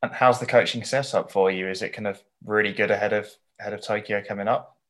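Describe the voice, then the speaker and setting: Low-pitched man hosting a podcast. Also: steady tone, quick pace, a bit bright. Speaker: podcast host and interviewer. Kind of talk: casual podcast interview.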